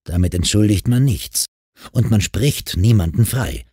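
A man voicing a calm, caring grown man in an audiobook who patiently talks a troubled girl round. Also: fairly low pitch, unhurried, husky, dry recording, studio quality. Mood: earnest.

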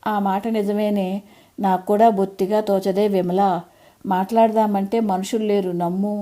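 Woman voicing a proud, sharp-tongued old mother. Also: medium pitch, level tone, normal speed, close to an everyday voice. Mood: wry chiding. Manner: chiding, wry, old-fashioned homely speech.

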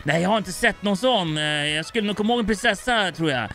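Brief: snappy, teasing young female game creature, read by a man, lively and bright. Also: high-pitched, pitched above the performer's own voice, exaggerated voice.

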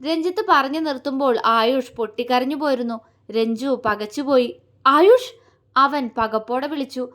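A woman's voice: high voice, moderate pace, fairly bright tone. A woman narrating an emotional audio love story in a dramatic storytelling manner. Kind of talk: scripted narration.

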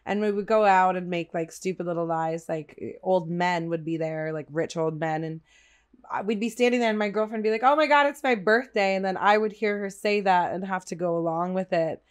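Relaxed woman from Canada, rapper guest; low-ish voice, easy casual delivery. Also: moderate pace. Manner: laid-back, frequent laughs and likes. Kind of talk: casual podcast chat.

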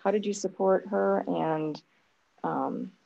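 On a relaxed video call from a room in her house, a fifty-something woman acts as host, offering encouragement to her guest amid frequent fillers. Her fairly low voice is creaky and slow, and the recording has its highs cut off.

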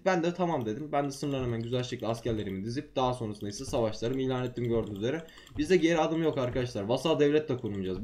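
A gaming YouTuber and host who has just woken up chats casually with his viewers, offering informal game commentary. His medium-pitched, darkish voice sounds slightly groggy.

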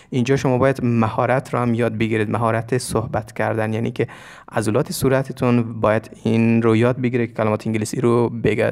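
A man whose first language is Persian, teaching an English lesson, saying English lines slowly and explaining them. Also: mid-range voice, vocal fry, darkish tone.

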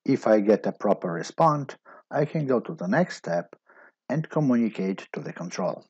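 A man giving a steady step-by-step technical tutorial as a voice-over. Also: on the low side, moderate pace, breathy edge, no room sound, dull audio. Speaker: instructor.

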